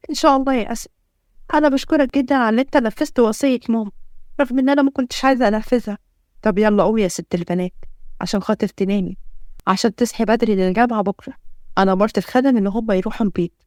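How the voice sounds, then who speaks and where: A woman's voice: fairly high pitch, a little mellow, dry recording, clean studio sound, lightly acted. A woman voicing a jealous, possessive older husband with an Egyptian accent and a stern, commanding manner. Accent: Egyptian Arabic.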